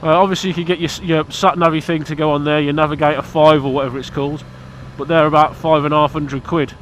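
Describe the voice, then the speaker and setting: A British man, stuffy from hay fever, talks fast in a level tone that is a little high and a bit bright, with slight background noise. He's a motorcycle vlogger chatting outdoors to camera about his motorbike, blunt, cheeky and rambling.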